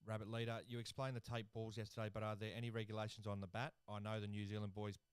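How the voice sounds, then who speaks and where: A man's voice: lowish voice, fast, clear, resonant tone, no echo. A young Australian man hosting a casual cricket watchalong from his lounge room, laid-back and swearing freely. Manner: laid-back, swears, excitable over wickets. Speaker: watchalong host and commentator. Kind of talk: casual live-stream commentary.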